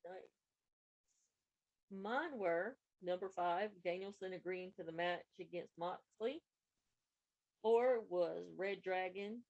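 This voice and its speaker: A woman's voice: lowish voice, darkish tone, dull audio. A woman co-hosting a podcast, recapping wrestling matches in a casual, running play-by-play way. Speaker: podcast co-host.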